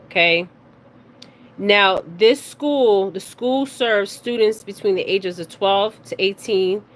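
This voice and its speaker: On her own video, a card reader and spiritual reader delivers a casual psychic reading and reads news details aloud in a mid-range, fairly bright voice. Halting and prone to stumbling over words, she keeps checking in with her audience while background ambience makes the audio clearly noisy.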